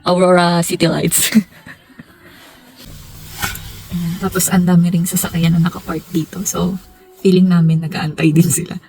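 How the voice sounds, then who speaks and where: A woman's voice: on the low side, level tone, moderate pace, darkish tone, slight background noise, poor audio. A woman from the Philippines chatting in a casual travel vlog, bantering and laughing easily. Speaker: vlogger.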